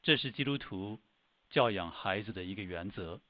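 A man's voice: lowish voice, animated, dry recording. Formal man hosting a radio program. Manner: formal, measured announcing. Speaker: radio host. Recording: dry, dull lo-fi radio sound.

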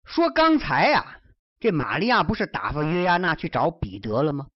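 Lively swooping woman storyteller. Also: low voice, moderate pace, dry recording. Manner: lively, swooping theatrical delivery. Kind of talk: traditional storytelling narration. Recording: dull lo-fi recording.

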